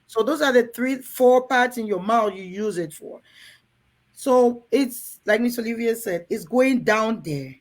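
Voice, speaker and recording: Animated and unhurried, a Cameroonian host with a slightly high voice speaks frankly to a room of women. She coaxes them earnestly, frequently addressing the ladies directly.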